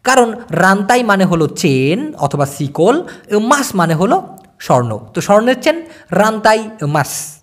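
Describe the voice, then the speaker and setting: A man from Bangladesh, teaching a casual video language lesson and repeating words slowly for learners. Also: sits high, big pitch swings, fairly bright tone.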